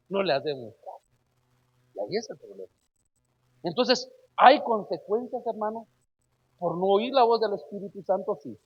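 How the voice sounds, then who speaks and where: High-voiced husky male preacher. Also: highs cut off. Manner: emphatic, keeps addressing listeners as brother, rhetorical questions. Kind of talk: sermon.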